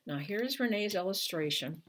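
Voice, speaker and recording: A woman's voice: medium pitch, expressive, moderate pace, fairly bright tone. A woman in her sixties reading a children's storybook aloud expressively, with careful, emphatic phrasing. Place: small furnished room at home, indoors.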